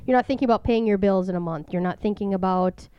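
A woman in casual chat, chiming in with quick agreeing remarks. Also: mid-range voice, clean tone, no echo, lo-fi sound.

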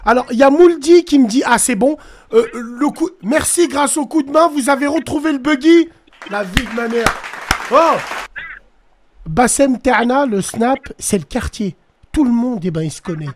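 A man's voice: extremely high pitch, animated, normal speed. A man with a French suburban accent hosting a live stream, chatting casually in street slang and familiarly calling people brother. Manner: familiar, addresses listener as brother.

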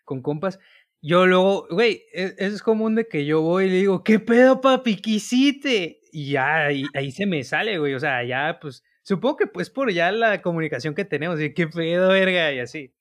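A young man from Tabasco with a light Tabasco accent, trading stories in a casual chat. His voice sits a little high for a man. His talk is loose and slangy, sprinkled with swearing, and he laughs often. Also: expressive, normal speed. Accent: Tabasco Spanish. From Tabasco, Mexico. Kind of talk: casual chat among friends.

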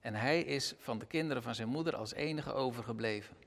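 A man preaching a sermon after a Bible reading, with an expressive delivery and a gravelly voice. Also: a little fast, big-room sound. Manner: expressive, with wide pitch swings.

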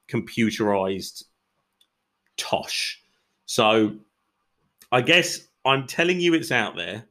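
A man's voice: fairly low pitch, sharp tone. A man hosting a combat sports podcast, chatting in an opinionated way with frequent ums and uhs. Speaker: podcast host.

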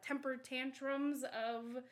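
A woman's voice: sits high, flat delivery, slow pace. A woman co-hosting a podcast in casual, giggly chat, with lots of fillers. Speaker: podcast co-host.

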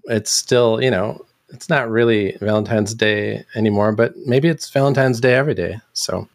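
Man, low voice, dry close sound, casual and halting, clears his throat a lot. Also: steady tone, no room sound. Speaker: community show presenter. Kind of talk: casual chat.

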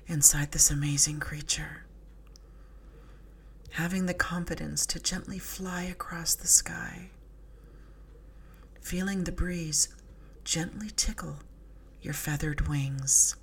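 A woman narrating a sleep story as a guided relaxation, in a soothing, hushed, breathy voice that often softens into a whisper. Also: low voice, fairly even intonation, slight background noise. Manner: soothing, hushed, breathy delivery with soft whispery phrase endings. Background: slow music with drum beat.

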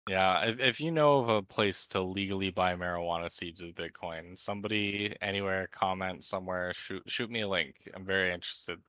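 Low, stoned man chatting, dry sound. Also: steady tone, a little fast, few pauses, bright, forceful tone, no room sound. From Canada. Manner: laid-back stoner, openly high. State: high on cannabis. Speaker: podcast host. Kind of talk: casual unscripted podcast chat.

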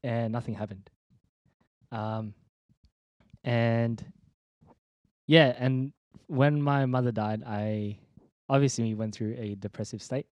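Young man, church leader sharing his testimony, casual and slangy, mid-pitched, dry close sound. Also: steady tone, a little mellow, no echo, muffled recording. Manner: laid-back and slangy, calls the listener dude and man; halting, many ums and restarts. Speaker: interview guest, church leader. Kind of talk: personal faith testimony in casual chat.

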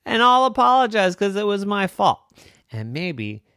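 A man's voice: sits high, sing-song, normal speed, sharp tone, dry recording, studio quality, voice pushed up, exaggerated voice. A man doing a kind, clumsy triceratops. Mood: earnest.

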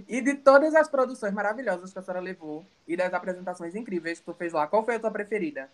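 A woman's voice: medium pitch, lively intonation, fast. A woman co-hosting a casual chat, teasing the guest with questions. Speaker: co-host.

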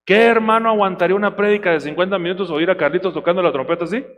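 A male preacher giving a sermon. He calls his listeners brother, teases them for not saying amen, and reads Bible verses slowly in a loud, drawn-out voice. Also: high voice. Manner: slow, shouted readings of Bible verses. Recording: long hall reverb, faint hum.

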